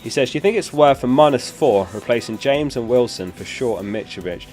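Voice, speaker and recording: Over soft music, a young man hosts a live stream in a brisk, mid-range voice with lively intonation and a slightly mellow quality. He chats casually and fields questions from chat, still getting his voice back after losing it.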